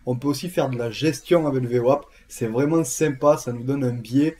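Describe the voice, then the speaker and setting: A man's voice: mid-range voice, moderate pace, darkish tone. A man with a southern French accent explaining a trading tool in a casual screen-share tutorial, chatty, with frequent fillers and repeated words. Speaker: trading educator.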